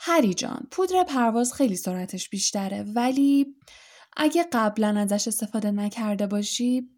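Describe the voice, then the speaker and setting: A woman's voice: a little high, lively intonation, darkish tone. A woman reading aloud, voicing a doting, anxious middle-aged witch and mother who fusses and bosses. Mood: fussing, worried.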